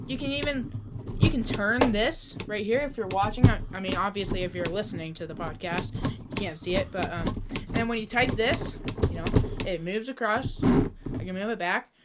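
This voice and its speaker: A woman co-hosting a casual podcast, chatty and enthusiastic, quick to tease her co-host. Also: mid-range voice, very noisy.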